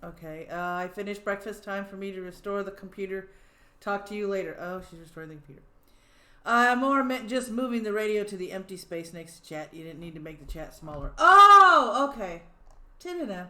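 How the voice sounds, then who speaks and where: A woman hosting a livestream chats casually, giggling and thinking out loud as she reads through background notes. Her mid-range voice is expressive, fairly quick, pushed and bright, and the room has a noticeable echo.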